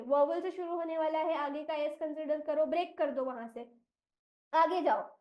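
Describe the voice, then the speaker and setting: High-voiced woman spelling words out slowly. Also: muffled recording. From India. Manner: slow, deliberate spelling out of letters and syllables; mixes Hindi with English phrases. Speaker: English reading trainer. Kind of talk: teacher training lesson.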